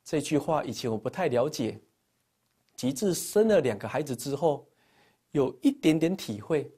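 A man preaching a sermon as pastor, telling stories with emphatic peaks and soft, dropping phrase endings. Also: normal speed, slightly rough. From Taiwan. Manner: animated storytelling, swinging between emphatic highs and soft low phrase endings.

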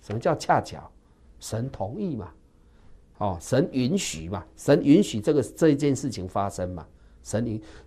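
A male preacher with a mellow, darker voice that swoops up and down in pitch. He poses rhetorical questions and answers them himself. When he quotes the people in the scripture, he acts them out with big jumps in pitch and loudness. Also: breathy edge. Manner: asks and answers his own rhetorical questions. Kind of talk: expository sermon.

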